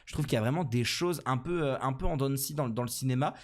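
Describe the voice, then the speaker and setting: A young man with a French accent talks through a casual solo podcast at a middle pitch. He rambles and pokes fun at himself, filling the gaps with hesitations and restarting his sentences. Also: fast. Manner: rambling and self-deprecating, many fillers and restarts. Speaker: podcast host.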